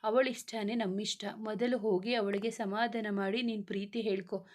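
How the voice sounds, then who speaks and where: A woman's voice: medium pitch, steady tone, moderate pace, lightly acted. A woman reading a story aloud and voicing a protective young man who scolds his friend and speaks fondly of his little sister. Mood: affectionate. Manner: scolding, affectionate.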